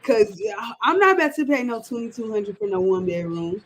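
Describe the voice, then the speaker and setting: A woman's voice: fairly high pitch, big pitch swings, brisk, fairly bright tone, slight background noise, rough recording. A woman in her thirties chatting casually on a sports show, ranting with emphatic repetition. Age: 30s.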